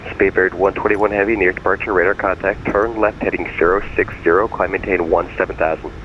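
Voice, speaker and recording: A man working as an air traffic controller, giving clearances in procedural radio phraseology. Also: sits low, fairly even intonation, fairly quick. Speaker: air traffic controller in online flight simulation. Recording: muffled radio voice, faint aircraft noise.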